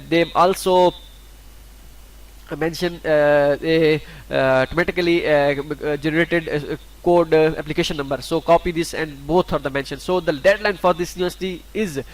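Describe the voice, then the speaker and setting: This scholarship-guide YouTuber from Pakistan, an Urdu native speaker, walks through a screen-recorded tutorial in a fairly high-pitched voice. His delivery stumbles along with frequent fillers and restarts, and the recording sounds poor.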